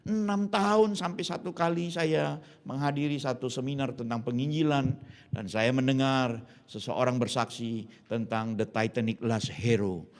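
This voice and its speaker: A man in his fifties from Indonesia, a pastor preaching a sermon as a lively story, acting out the voices of the people in it and slipping English phrases into his talk. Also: medium pitch, normal speed. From Indonesia (Jambi, Sumatra).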